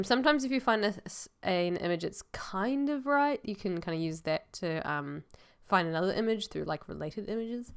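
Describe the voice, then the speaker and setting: A woman's voice: mid-range voice, clear, resonant tone. A woman giving casual, rambling voice-over commentary as a vlog host, hesitant and sounding a little congested and choked up with a cold.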